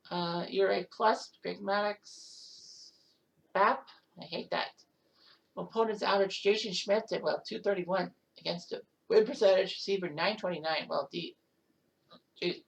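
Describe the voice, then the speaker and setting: A woman hosting a casual recap of a simulated baseball season, reading off league leaders with quick asides and self-corrections. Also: on the low side, creaky, poor audio. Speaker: host. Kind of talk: casual game stats recap.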